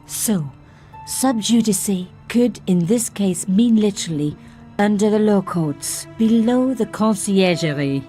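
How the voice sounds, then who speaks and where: A woman's voice: mid-range voice, animated, slow, warm tone, soft background music. An actress voicing a young woman journalist who narrates her sleuthing with dry, self-mocking asides. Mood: wry. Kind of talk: game voice-over narration.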